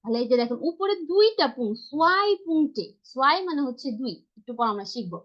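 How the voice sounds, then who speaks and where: Female language teacher, high voice, unhurried and patient, over a lo-fi video call. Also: sing-song. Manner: patient, repeats and spells letters slowly. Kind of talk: online class instruction. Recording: dull lo-fi video call audio.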